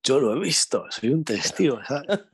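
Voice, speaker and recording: A young man from Spain with a Spanish accent, telling a slangy, animated anecdote in casual chat. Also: mid-range voice, normal speed, slightly rough, no echo. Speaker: storyteller.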